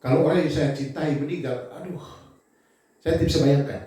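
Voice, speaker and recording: A man preaching a sermon in an animated way, swinging between loud emphasis and quiet asides. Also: on the high side, fairly quick. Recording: very echoey hall, voice from far off.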